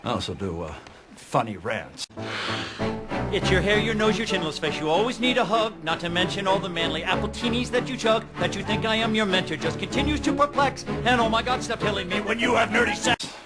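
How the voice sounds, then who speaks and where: Over music, a cocky hospital doctor builds an escalating comedy rant in a fairly high male voice. He is sarcastic and theatrical, hitting his insults with biting emphasis in sitcom style. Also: sing-song, moderate pace. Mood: scornful, escalating.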